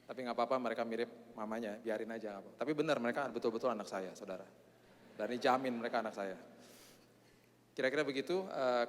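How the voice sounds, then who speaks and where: In a long-reverb church hall, a man preaches a sermon that includes prayer, joking about himself and saying "eh" often. He has a medium-pitched voice, and there's slight background noise.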